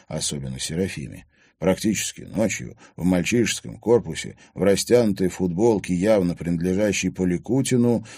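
A man narrating an audiobook in an expressive storytelling manner. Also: deep voice, no room sound, clean studio sound. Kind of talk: scripted narration.

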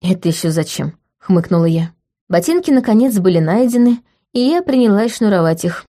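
Brief: female audiobook narrator, mellow darker tone, measured first-person reading. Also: mid-range voice, lively intonation.

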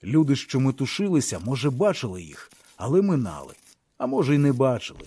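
A man narrating a literary audiobook in a measured, expressive way. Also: mid-range voice, breathy edge.

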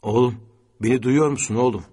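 A man's voice: on the low side, brisk, a little mellow, close to an everyday voice. A man playing an anguished, pleading middle-aged man. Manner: emotional, pleading, tender.

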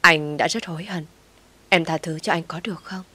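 Woman narrator doing a dying young man, soft-spoken, weak and tender. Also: low-pitched, moderate pace, breathy edge, exaggerated voice. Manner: weak, breathless murmur.

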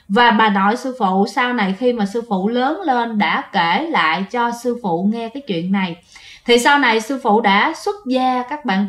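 A woman's voice: on the high side, fairly bright tone, echoey room. Chatty woman telling ghost tales. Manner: chatty, addresses listeners directly, many fillers. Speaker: ghost story narrator. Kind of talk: casual spoken storytelling.

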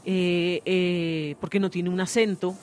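A woman's voice: fairly low pitch, steady tone, takes it slowly, darkish tone, slight background noise. A woman hosting a conversational radio interview, explaining her thoughts at length with many hesitations. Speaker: host.

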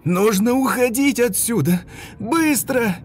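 A man voicing a terrified, wounded young woman survivor who screams hoarsely in panic. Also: extremely high pitch, animated, slow pace, a little hiss or hum, pitched above the performer's own voice, heavily acted. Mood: panicked screaming. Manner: panicked shouting.

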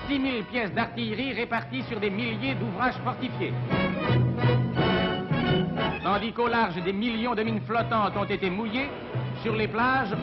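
A man narrating a 1940s newsreel in a formal, declamatory way, heard as an old archive film soundtrack. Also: high voice. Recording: dull lo-fi archive film sound with loud music.

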